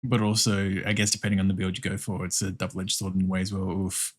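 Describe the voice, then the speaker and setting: Australian male streamer, lowish voice, casual. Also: flat delivery, quick pace, breathy edge. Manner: casual, swearing, giggly, welcoming to viewers. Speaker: streamer and artist. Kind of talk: casual livestream chat while drawing.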